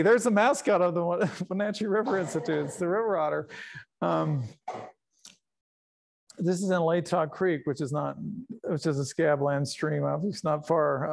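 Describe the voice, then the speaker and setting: A middle-aged man who grew up in Panama gives a casual slide talk about his nature photos in a slightly high, creaky voice. He rambles, using fillers, restarts, and chuckles.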